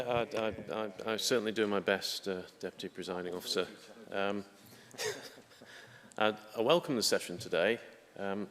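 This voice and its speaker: Halting low-voiced man in a reverberant hall. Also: a bit bright. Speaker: member of parliament. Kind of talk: formal parliamentary speech. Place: large parliamentary debating chamber. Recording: echoey hall with long reverb.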